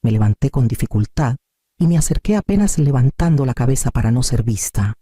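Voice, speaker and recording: Male storybook narrator with a deep mellow timbre and a lively melody. Scripted and steady. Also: a little fast, husky, no room sound, studio quality.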